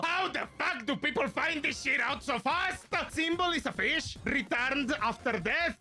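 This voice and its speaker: A woman's voice: sits high, pushed and bright. A woman on a stream reading messages aloud in a blunt, crude way. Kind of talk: casual stream chat.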